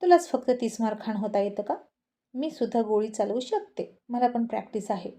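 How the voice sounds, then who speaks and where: A woman's voice: a little high, expressive, normal speed, dark tone. A woman reading as a coaxing young wife. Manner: pleading, coaxing.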